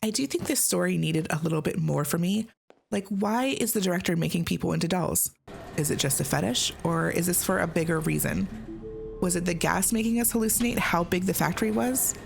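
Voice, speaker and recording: Lower-pitched, creaky woman reviewing games. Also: fairly quick, faint music behind. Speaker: game reviewer and host. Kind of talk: scripted video review narration.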